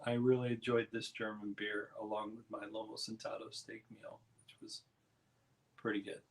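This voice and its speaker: A man hosting a casual live stream, chatting in a relaxed, rambling way and reading viewers' comments aloud. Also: lowish voice, moderate pace.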